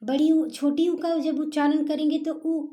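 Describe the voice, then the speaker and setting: A woman teacher explaining a lesson, sounding out syllables slowly and often checking in with the listener. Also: sits high, level tone, mellow. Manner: slow, drawn-out sounding of syllables; repeats okay and checks in with listener.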